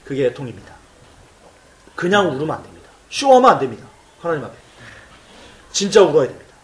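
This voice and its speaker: A male pastor preaching a sermon in church, emphatic and animated, telling stories and acting out cries. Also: on the high side, fast, roomy sound, distant mic, slight background noise.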